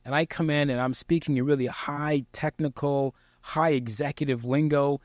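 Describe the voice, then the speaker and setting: Male presenter, slightly high voice, projected and clear, emphatic coaching, conversational tutorial style, close dry sound. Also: steady tone, moderate pace, darkish tone, no room sound. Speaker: presenter giving public speaking tips. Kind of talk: conversational instructional talk to camera.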